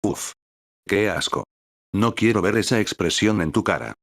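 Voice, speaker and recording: A male reader voicing a mocking, hard-drinking young woman in an even synthetic read. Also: on the low side, moderate pace, vocal fry, no echo, clean studio sound, full character voice.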